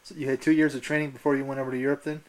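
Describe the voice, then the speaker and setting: A man's voice: mid-range voice, level tone, very fast, low-quality recording. A man working as an interviewer, putting short, informal questions to someone.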